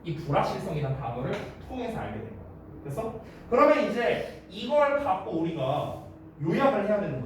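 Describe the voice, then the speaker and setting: A male English teacher walks high schoolers through a reading passage, repeating the key words and asking whether they follow. His voice sits high and swings widely in pitch. It sounds distant and echoey, with a faint hiss behind it. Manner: explains step by step, repeats key words, asks students rhetorical checks. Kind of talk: online lecture to high school students.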